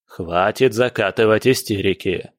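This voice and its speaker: A man's voice: lowish voice, measured pace, no echo, studio quality, natural voice. A man voicing a stern, commanding aristocratic father at the head of his family.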